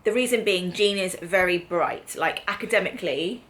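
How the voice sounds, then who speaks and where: A woman's voice: lowish voice, expressive, normal speed, fairly bright tone. A middle-aged woman with an English accent chatting casually as she hosts a family vlog, explaining things and checking in with tag questions. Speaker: mother hosting a family vlog. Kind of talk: casual chat.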